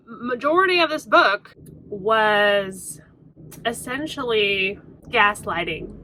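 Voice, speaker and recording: A woman's voice: medium pitch, pushed and bright, slight background noise. A woman talking frankly about books in a casual vlog, often exasperated and swearing freely. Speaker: book vlogger. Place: in a truck on a hot day.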